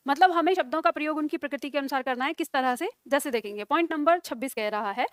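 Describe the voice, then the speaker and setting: Woman teacher, high voice, dry close sound; patient classroom delivery, spells out examples slowly for dictation. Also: dry recording. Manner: slow dictation with repeated words, checking questions. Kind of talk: classroom grammar lesson.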